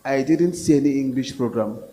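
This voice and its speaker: A man's voice: mid-range voice, fairly quick, dark tone. A man from Nigeria, a professor speaking at a public forum, earnest and hesitant, with fillers and restarts. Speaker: professor, panel guest.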